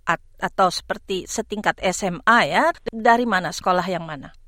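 A woman hosting a radio interview conversationally, putting her questions in an unhurried way and often rephrasing them. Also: mid-range voice, a bit bright, no room sound, studio quality.

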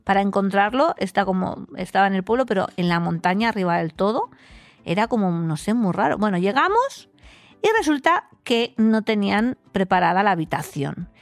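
A woman's voice: mid-range voice, big pitch swings, moderate pace, no room sound. A woman from Spain hosting a podcast, casually recounting a hotel mishap and acting out the dialogue with laughs. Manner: chatty, acts out dialogue with laughs. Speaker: podcast host. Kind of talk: casual travel storytelling.

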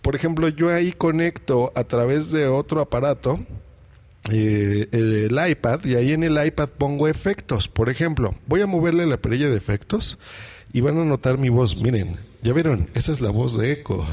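Speaking at normal speed in a mid-range, slightly mellow voice, a male podcaster gives viewers a casual step-by-step audio gear tutorial. He sits at his home mixing desk, and his studio microphone runs through that desk.

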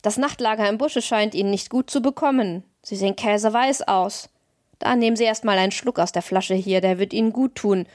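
A woman voicing a gruff, good-natured old male forester in an audiobook, with folksy, blunt talk. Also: mid-range voice, a little fast, darkish tone, no echo, studio quality, lightly acted. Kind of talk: audiobook reading.

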